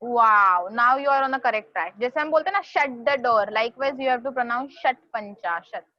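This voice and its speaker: A woman teaching an online class, speaking slowly and deliberately and spelling out how each word is pronounced. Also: sits high. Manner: slow, deliberate, spells out pronunciation. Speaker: Sanskrit tutor. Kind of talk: online class lecture mixing Hindi and English. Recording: dull lo-fi sound.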